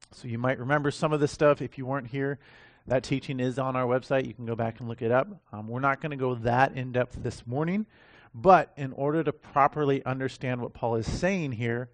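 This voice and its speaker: Earnest pastor preaching at a pulpit microphone. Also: male voice, medium pitch, no room sound. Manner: measured, earnest preaching to a seated congregation. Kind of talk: sermon with scripture reading and prayer. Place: church sanctuary.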